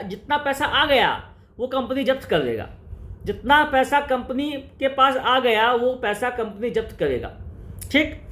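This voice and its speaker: Man drilling accounting terms slowly. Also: extremely high pitch, fairly bright tone. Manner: repetitive, drilling, slows right down to spell out key terms; calls on students directly, rhetorical questions. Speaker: accounts teacher. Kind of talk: classroom-style lecture in Hindi-English mix.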